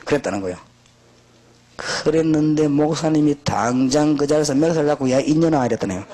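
A middle-aged man, a pastor, preaching a sermon in an emphatic, exhorting manner, with animated storytelling. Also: a little high, a little fast.

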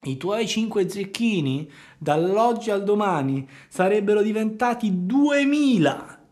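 A man voicing a sly, scheming fox who talks smoothly and coaxingly, sometimes dropping to a hush. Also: high voice, animated, unhurried, pitched above the performer's own voice.

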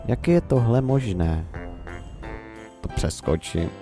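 A man's voice: medium pitch, sing-song, darkish tone, faint music behind. A young Czech man rambling and musing to himself in casual gameplay commentary. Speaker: let's play commentator.

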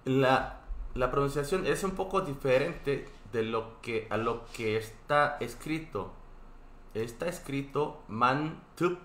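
A man's voice: medium pitch, takes it slowly, fairly bright tone, roomy sound. A man with a Korean accent teaching a live online Korean class, explaining patiently and checking in often with his students.

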